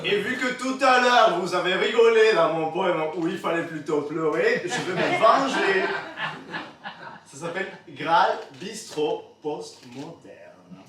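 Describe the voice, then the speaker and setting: A man's voice: high-pitched, slow pace, crowd noise. A man performing a comic slam poem on stage with a non-native French accent, teasing the audience. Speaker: slam poet. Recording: echoey hall, from far off.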